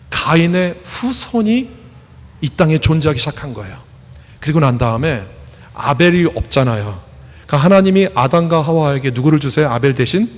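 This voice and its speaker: A male pastor delivers a sermon in a high, lively voice that swoops up and down. He keeps putting questions to the congregation and acts out quoted voices. The sound rings with the long reverb of a church hall.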